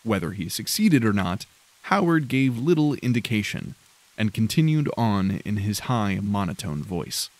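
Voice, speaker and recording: In a polished audiobook performance, a man with a fairly low voice narrates a dark fantasy story. His scripted reading is steady, measured and grave, letting the descriptions settle as he goes, with no room sound.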